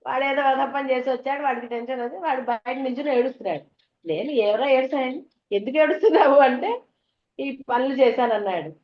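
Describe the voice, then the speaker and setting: A woman's voice: high-pitched, quick pace. A woman giving a devotional discourse to an audience, chatty and full of homely stories and questions to the listeners. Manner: conversational, tells homely anecdotes, asks the audience questions. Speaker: spiritual teacher. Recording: dull, echoey hall recording.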